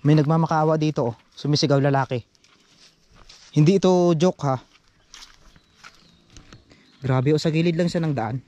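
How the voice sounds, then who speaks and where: A man's voice: fairly high pitch, fairly even intonation, normal speed, long pauses. Wary man exploring a creepy forest. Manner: tense, wary, talks in short hushed phrases. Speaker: vlogger exploring a site. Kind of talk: hushed exploration vlog narration. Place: outdoors in a forest.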